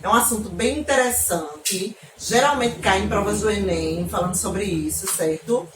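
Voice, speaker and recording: A woman's voice: medium pitch, moderate pace, background noise. A woman from Northeast Brazil teaching an online geography class to children, affectionate and often checking in with questions. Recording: echoey room, mic at a distance.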